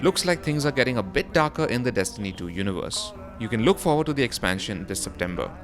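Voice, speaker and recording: With music playing in the background, a mid-range male voice reads a scripted gaming news roundup as presenter. He's very animated and talks fast.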